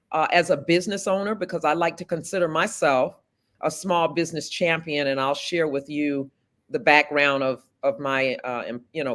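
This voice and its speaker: She's a political candidate from South Florida, USA, in her fifties, with a voice that sits low. In an interview she answers earnestly and with deliberation, placing measured pauses between her ideas.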